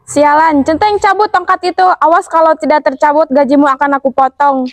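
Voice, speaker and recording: Seorang gadis memerankan nyonya kaya yang sombong dan pelit. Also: female voice, sits high, steady tone, a little fast, dry recording. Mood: scornful. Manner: haughty, scornful, bossy. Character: rich arrogant stingy woman, haughty and rude. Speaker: student actor. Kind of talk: school drama acting.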